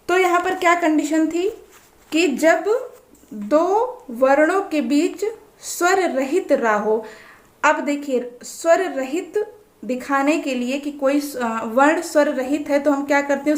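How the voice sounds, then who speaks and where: Woman teacher, high voice, explains slow and patient, asks questions, bit of room echo. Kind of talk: Hindi grammar lesson.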